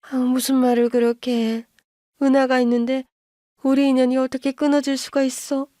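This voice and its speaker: A woman's voice: high voice, flat delivery, moderate pace, warm tone, no room sound, clean studio sound, pitched above the performer's own voice, close to an everyday voice. A woman voicing an older grandmother who pleads and apologizes in a coaxing way. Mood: pleading.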